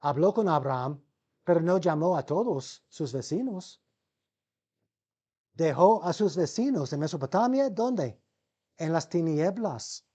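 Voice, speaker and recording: A man's voice: fairly high pitch, lively intonation, a little slow, pauses often, warm tone, husky. A man giving a seminary Bible lecture, calling his listeners brothers, asking them rhetorical questions and often restarting words mid-sentence. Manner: asks the class rhetorical questions.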